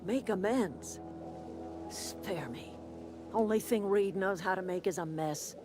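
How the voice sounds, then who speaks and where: Woman doing old grandma game character, lowish voice, folksy n wry, kinda defiant, loud music under it. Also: close to an everyday voice. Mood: scornful. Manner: folksy, dry, sharp-tongued. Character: proud, defiant old grandmother leading a settlement, wryly sardonic. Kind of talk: video game dialogue.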